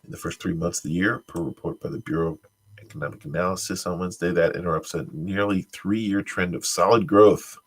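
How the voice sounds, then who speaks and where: A man who says he's congested hosts a stream, reading tech news aloud with offhand commentary. He stumbles through the read-outs and slips in dry, wry asides. His voice is low and husky, and the audio is poor.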